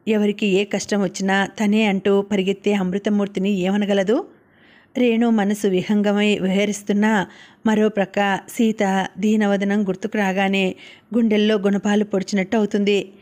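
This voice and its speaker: A woman narrating a novel as an audiobook, reading in a steady, even way. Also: mid-range voice.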